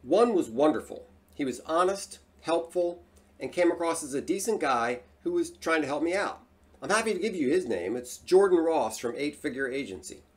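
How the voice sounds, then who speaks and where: Animated man hosting a solo talk. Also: on the high side. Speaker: host.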